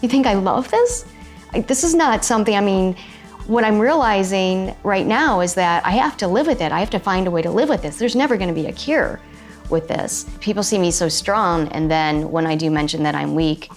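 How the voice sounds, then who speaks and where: A woman's voice: mid-range voice, lively intonation, fairly quick, soft background music. A woman speaking candidly and emphatically in a documentary interview.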